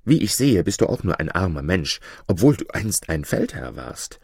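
A man's voice: deep voice, big pitch swings, moderate pace, creaky, darkish tone, slightly rough, dry recording, studio quality, full character voice. A man reading the part of an anxious, homesick young Egyptian servant boy in a storybook tale, pleading and earnest.

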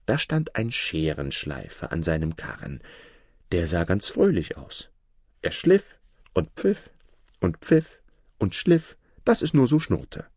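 A man reading a fairy tale aloud as an audiobook, in an expressive storytelling manner. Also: low voice, slow pace, dry recording, clean studio sound. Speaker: audiobook reader.

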